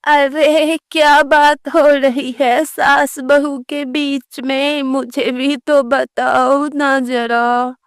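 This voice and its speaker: A woman's voice: high voice, level tone, drawn-out words, hardly any pauses, no echo, studio quality, exaggerated voice. A woman voicing a touchy neighbour aunt. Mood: fussy. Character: older neighbour aunt, easily offended.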